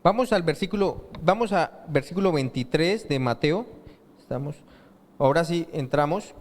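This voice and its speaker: A man's voice: fairly high pitch, lively intonation, moderate pace. A man preaching a sermon as pastor, quizzing the congregation with rhetorical questions for them to answer. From Colombia. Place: church hall with long reverb. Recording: reverberant church hall.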